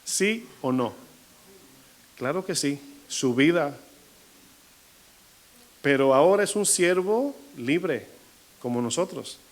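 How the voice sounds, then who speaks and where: A man's voice: on the high side, animated. Man preaching with rhetorical questions. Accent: Latin American Spanish. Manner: shifting pace, slowing to stress figures. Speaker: pastor. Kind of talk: sermon.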